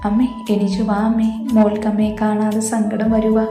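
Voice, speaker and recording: A woman's voice: medium pitch, monotone, moderate pace, close to an everyday voice. A woman voicing a small tearful girl. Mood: pleading tearful. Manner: pleading, tearful. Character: small grieving girl who has lost her mother. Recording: roomy echo with soft music.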